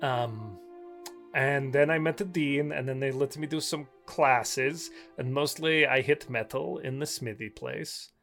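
A woman's voice: extremely low pitch, unhurried, soft background music. A woman playing a tabletop game, chatting casually in character in an effusive, jokey way. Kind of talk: casual in-character improvised chat.

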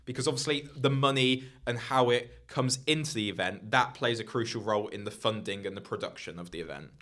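A man's voice: medium pitch, fairly quick, fairly bright tone. A young man hosting a casual podcast chat, talking loosely with lots of fillers. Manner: chatty, heavy use of "like" and "you know". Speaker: podcast host. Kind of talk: casual discussion.

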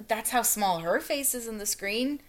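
A woman's voice: fairly high pitch, animated, takes it slowly. A woman co-hosting a podcast, discussing a TV episode with dry, wry analysis. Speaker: podcast co-host. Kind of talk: casual chat about a TV episode.

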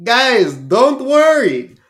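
A man's voice: very high-pitched, very animated, drawn-out words, a bit bright, full character voice. A man playing a determined, vengeful young competitive eater, speaking earnestly.

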